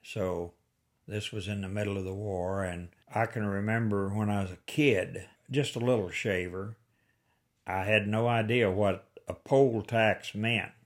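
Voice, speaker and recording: Elderly man, low-pitched voice, Ozark Appalachian-style accent, folksy rural storyteller, plain-spoken oral history. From rural Missouri Ozarks, United States. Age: 80s. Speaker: interviewee.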